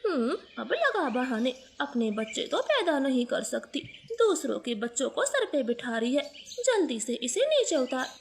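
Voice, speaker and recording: A woman's voice: high voice, big pitch swings, normal speed. Woman putting on a harsh, taunting old sparrow mother-in-law. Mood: scolding.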